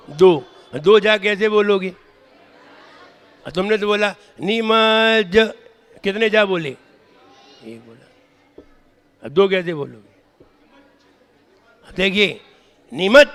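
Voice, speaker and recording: A Jain monk teaching correct recitation, correcting syllables and chanting verses in a slow drawn-out way. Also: male voice, high voice, fairly bright tone, clear, resonant tone. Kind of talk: pronunciation lesson with chanting. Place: temple hall. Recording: reverberant hall.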